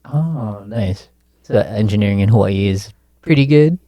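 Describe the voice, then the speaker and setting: A man's voice: fairly low pitch, animated, measured pace, dark tone, no echo. A man co-hosting a podcast, asking casual, rambling questions with restarts. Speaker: podcast co-host. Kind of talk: podcast interview.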